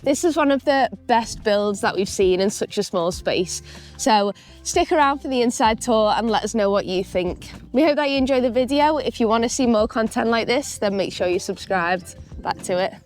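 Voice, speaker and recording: A woman's voice: a little high, animated, normal speed, soft background music. A woman presenting to viewers as co-host of an online video. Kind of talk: YouTube presenting.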